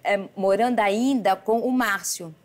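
A middle-aged woman, a guest in a casual interview, talking haltingly with repeated words and acting out quoted dialogue. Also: medium pitch. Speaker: celebrity guest.

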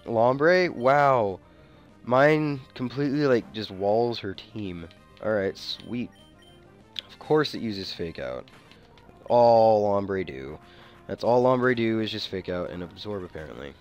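A man's voice: lowish voice, animated, slow, dull audio. A man giving casual gameplay commentary, thinking aloud in informal, slangy language. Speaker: gamer commentating a playthrough. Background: video game music.

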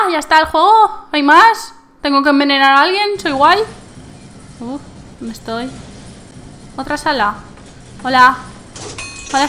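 Girl doing a gameplay commentary, high voice, takes her time, squeals a lot, faint hiss behind. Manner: excitable, squeals and shouts at surprises, hums to herself.

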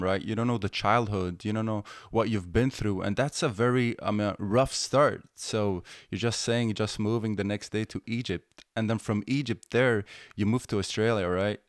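A man's voice: lowish voice, no echo. A young adult man hosting a podcast, asking friendly, curious questions from a small home studio. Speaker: podcast host. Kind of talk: casual interview talk. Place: bedroom-style home studio. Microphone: studio mic with headphones.

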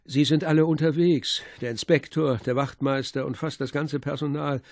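A man's voice: a little high, fairly even intonation, moderate pace, a little mellow, no room sound, clean studio sound, close to an everyday voice. A man doing an easygoing old gendarme.

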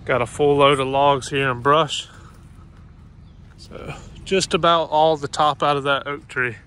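Bright-voiced man vlogging outdoors. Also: on the high side, measured pace, smooth. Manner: relaxed, folksy, says y'all. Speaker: vlogger running dumpster rentals and a tree service. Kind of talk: casual vlog narration. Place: outdoors at a job site and open land. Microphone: phone camera held at arm's length. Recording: outdoor phone audio with faint background noise.

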